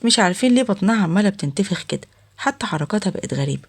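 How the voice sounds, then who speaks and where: Egyptian woman narrator, husky voice, races through a first-person family story at a steady clip. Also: mid-range voice, rapid-fire. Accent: Egyptian Arabic.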